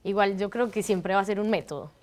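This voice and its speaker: A woman's voice: mid-range voice, a little fast, darkish tone. A woman in her thirties with a Colombian accent from Bogotá, a guest on a TV studio interview, explaining fluently and laughing easily. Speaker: guest, improv artist. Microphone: lapel mic.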